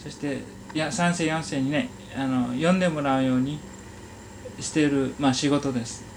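A man conducting an oral history interview, asking polite, halting questions and giving frequent small acknowledgements. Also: mid-range voice, steady tone, a little hiss or hum, poor audio. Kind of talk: gentle question-and-answer interview.

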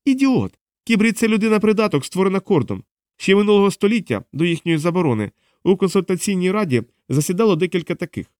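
A man's voice: high voice, lively intonation, quick pace, a little mellow, no room sound, clean studio sound, voice pushed up. A man voicing a cold, harsh woman interrogating a prisoner in an audiobook, snapping out commands. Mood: sharp, impatient. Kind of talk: audiobook character voice.

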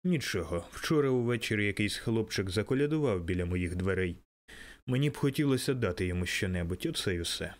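A man's voice: lowish voice, animated, fast talker, lightly acted. A man reading an audiobook, voicing a sentimental old miser who exclaims and then murmurs tearfully. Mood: wistful. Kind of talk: audiobook character voice.

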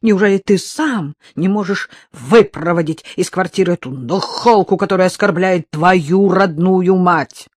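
A narrator voicing a spiteful elderly mother-in-law who scolds in a shrill, outraged voice. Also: a little slow, few pauses, a little mellow, dry recording, studio quality. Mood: indignant. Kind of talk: audiobook character voice.

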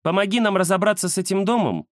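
A man's voice: sits high, no echo, studio quality, pitched above the performer's own voice, lightly acted. A man voicing a bold, bossy female cat who teases and gives orders. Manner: brisk, teasing, commanding.

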